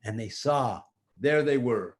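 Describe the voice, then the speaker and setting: A man's voice: mid-range voice, slow pace, background noise. An older man telling a rambling, improvised story to children like a grandfather, often restarting and talking to the listening kids.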